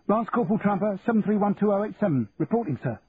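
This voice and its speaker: A man's voice: sits high, animated, fast, pitched above the performer's own voice. A man voicing an earnest, honest young lance corporal who talks plainly and respectfully. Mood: nervous, respectful. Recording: tinny phone-like, faint hiss.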